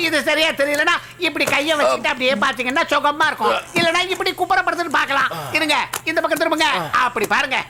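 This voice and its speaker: A woman's voice: high-pitched, fast, hardly any pauses, noisy background. An actress playing a cheeky young woman who chattily fusses over sleeping elders, in film dialogue. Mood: teasing. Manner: teasing, chatty. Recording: film soundtrack with music behind.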